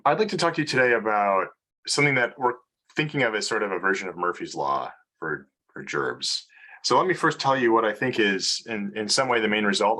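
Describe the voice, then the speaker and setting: A man's voice: lowish voice, pushed and bright. A man giving an informal research seminar talk on mathematics over a video call, hesitant, with many fillers and restarts. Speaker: mathematics lecturer.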